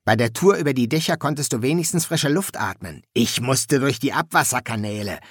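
A man's voice: mid-range voice, expressive, fairly quick, breathy edge, dry recording, studio quality. A man voicing a cheerful young male assassin fresh from his final exam, breezy and chummy in manner.

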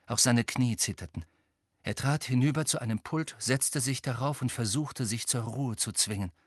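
A man's voice: medium pitch, moderate pace, no room sound. Male audiobook narrator, dry close read. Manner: lively storytelling with tension. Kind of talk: scripted narration.

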